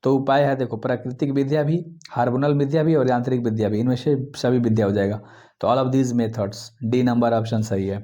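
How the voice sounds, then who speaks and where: Fast-talking male Hindi tutor, mellow tone. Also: medium pitch, fairly even intonation, lo-fi sound. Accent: Bihari Hindi. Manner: fast, repetitive, coaxing students. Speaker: teacher. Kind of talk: exam question walkthrough.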